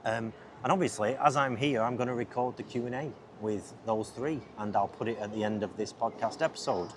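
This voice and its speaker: Talking a little fast in a lowish voice, a podcast host and filmmaker rambles outdoors beside a busy city river. He gets distracted easily, chats freely, and interrupts himself. His lapel mic captures loud ambient noise.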